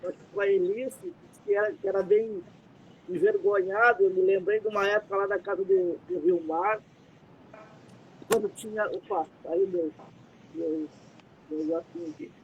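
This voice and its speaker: High, gravelly Brazilian man on muffled audio. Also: lively intonation, normal speed. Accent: Brazilian Portuguese. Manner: rambling, warm-hearted, with many fillers. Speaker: live stream host. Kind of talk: casual live stream chat. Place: dim room at home. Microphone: computer mic, headset removed. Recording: muffled lo-fi audio with faint rumble.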